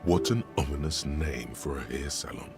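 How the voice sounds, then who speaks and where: An actor playing the ominous, wry inner narrator of a detective video game, speaking in a deliberate, dramatic, dry way. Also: male voice, a bass voice. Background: music.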